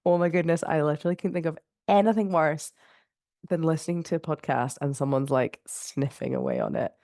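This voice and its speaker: This solo podcast host, a young woman in her spare room, has a low, creaky voice and a brisk pace, plus a congested, nasal sound from blocked sinuses. She rambles casually, saying "like" a lot and laughing lightly, in echo-free, studio-quality audio.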